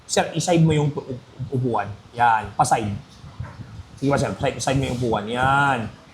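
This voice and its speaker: A man's voice: mid-range voice, measured pace, slight background noise. A man giving a criminology review lecture, emphatic and jokey, constantly checking that students follow. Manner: emphatic, jokey, keeps asking "Maliwanag?". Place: classroom. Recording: echoey room.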